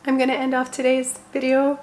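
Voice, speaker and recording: A young woman with a slightly hoarse voice, talking casually and relaxed from her bedroom, with plenty of "like" fillers. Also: sits high, brisk, slight background noise. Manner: chatty, relaxed, with frequent "like" fillers. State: voice somewhat hoarse. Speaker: parenting vlogger. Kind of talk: casual home tour talk. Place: her bedroom, seated indoors.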